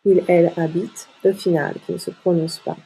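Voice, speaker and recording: A woman teaching a French lesson, repeating words slowly and distinctly to model their pronunciation. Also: lowish voice, little pitch movement, vocal fry, dark tone, slightly rough, poor audio. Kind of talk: slow, clearly articulated lesson for learners.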